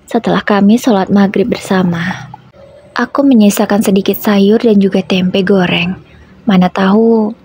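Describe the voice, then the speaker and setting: Husky-voiced woman telling a story. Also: mid-range voice, a little mellow. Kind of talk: first-person story narration.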